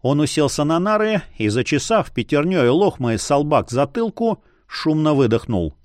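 A man narrating a fantasy audiobook in an expressive storytelling manner. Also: on the high side, moderate pace, no room sound, clean studio sound.

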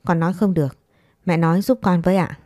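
A woman voicing a meek, patient young wife and mother who speaks gently and pleads softly. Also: on the low side, fairly even intonation, fast, dry recording, studio quality, close to an everyday voice. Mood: gentle pleading.

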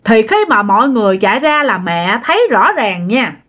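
A woman's voice: fairly high pitch, big pitch swings, normal speed, a bit bright. A woman with a Southern Vietnamese accent narrating a ghost story in a chatty way, addressing listeners directly.

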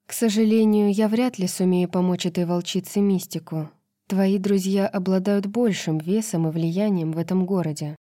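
A woman reading a calm, kind witch queen. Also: mid-range voice, normal speed, no room sound, studio quality, close to an everyday voice. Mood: gentle. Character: gentle young queen and witch healer.

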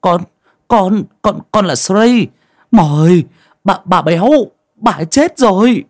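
High whiny servant lad, as a male narrator plays him, stammers a lot, audio story. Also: animated, unhurried. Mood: pleading. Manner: stammering, pleading. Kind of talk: storybook voice acting.

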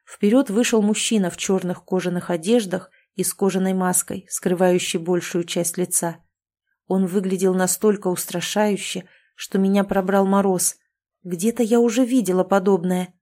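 A woman reads a first-person fantasy story aloud at a middle pitch. Her telling is steady and even throughout. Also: moderate pace. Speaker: audiobook narrator. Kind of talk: first-person fiction narration.

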